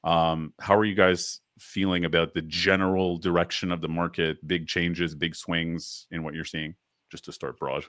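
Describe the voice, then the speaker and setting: A man's voice: low voice, flat delivery, normal speed, fairly bright tone, dry recording, studio quality. A man hosting a panel discussion in a casual, joking, self-deprecating way. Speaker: podcast host and panel moderator.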